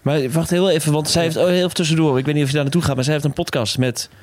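A man's voice: fairly high pitch, steady tone, rapid-fire, no echo, studio quality. A man, a podcast co-host, asking probing questions in casual chat. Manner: probing, quizzical.

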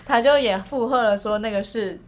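A woman's voice: on the high side, normal speed. A woman co-hosting a casual podcast, telling a story in a rambling way with many restarts. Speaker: podcast co-host.

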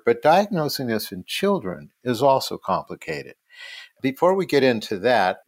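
A male doctor talks through medical matters in a conversational, explanatory way. His voice is on the low side, recorded very dry with no room sound. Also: dry recording. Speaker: doctor, podcast expert.

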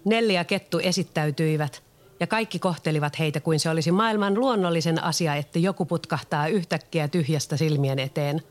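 Children's story narrator, clear, steady delivery. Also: medium pitch.

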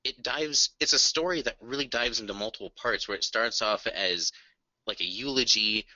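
A man's voice: fairly low pitch, moderate pace, bright, forceful tone, dry recording, lo-fi sound. A man co-hosting a podcast, telling an enthusiastic, earnest story in casual music chat. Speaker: podcast co-host.

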